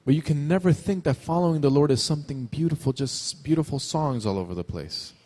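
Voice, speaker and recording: A man's voice: a little high, normal speed, dark tone. A man interpreting a sermon live, phrase by phrase, with occasional restarts.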